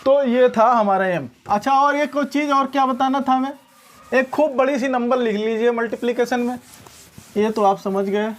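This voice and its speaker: A woman's voice: on the high side, steady tone, normal speed. Questioning woman maths teacher. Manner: questioning, checks understanding often. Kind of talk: classroom-style maths lesson.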